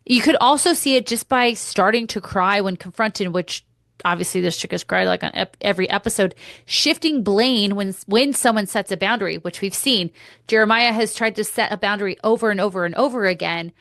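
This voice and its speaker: A woman's voice: medium pitch, brisk, fairly bright tone, no echo. A woman hosting a podcast, giving blunt, opinionated commentary with casual swearing, close to the mic. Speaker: podcast host.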